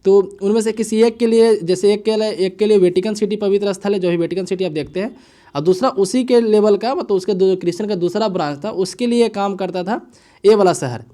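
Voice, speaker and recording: High, mellow-voiced man explaining the news. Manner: casual, repetitive, frequent "है ना" and "ठीक है" checks; mixes English phrases into Hindi, reads headlines haltingly. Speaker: current affairs teacher. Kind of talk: explaining news analysis to students.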